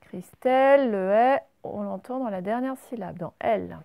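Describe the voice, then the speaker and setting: Speaking with a French accent, this female primary teacher walks young children through spelling at an unhurried, patient pace, stretching the sample words. Her mid-range voice sounds gravelly yet mellow, captured dry.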